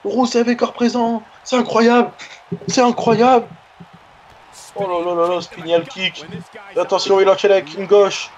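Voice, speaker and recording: A higher-pitched man calls a wrestling video game match in an excitable, cheering way, repeating his exclamations. His voice sounds a bit dull and lo-fi. The talk is casual and lively. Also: moderate pace.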